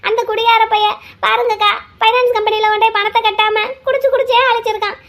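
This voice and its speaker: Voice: very high-pitched, little pitch movement, quick pace, fairly bright tone. A voice actor playing a tearful village woman in a cartoon, who pleads and laments that her drunk husband deceived her. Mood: lamenting. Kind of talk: cartoon voice acting.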